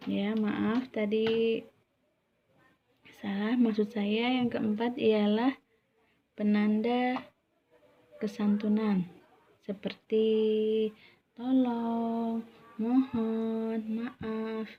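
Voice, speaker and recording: A woman's voice: a little high, level tone, lo-fi sound. Young woman giving a class presentation. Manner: measured, explanatory, with self-corrections. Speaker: student presenter.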